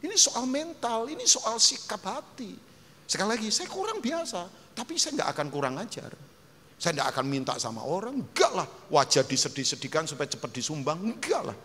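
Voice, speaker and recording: A man preaching a sermon as pastor, emphatic and animated, acting out quotes and dropping English phrases. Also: high-pitched, a little fast. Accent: Indonesian. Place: large church hall. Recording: long hall reverb, faint noise.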